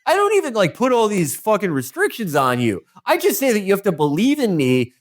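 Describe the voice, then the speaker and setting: A man voicing a fed-up, scolding male God in a high, squeaky, profane mock voice. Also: huge pitch swings, brisk. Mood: exasperated.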